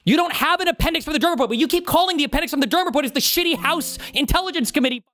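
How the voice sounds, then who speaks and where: A man's voice: extremely high pitch, racing, bright, forceful tone. A man debating politics heatedly, argumentative and insistent, repeating his challenges.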